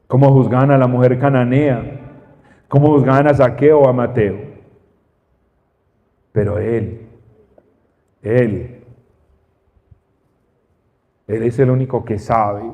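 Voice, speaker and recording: Male preacher, slow and emphatic delivery, booming hall, lo-fi capture. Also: mellow. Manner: slow, emphatic, with repeated phrases. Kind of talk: sermon. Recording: dull sound, long reverb in a hall.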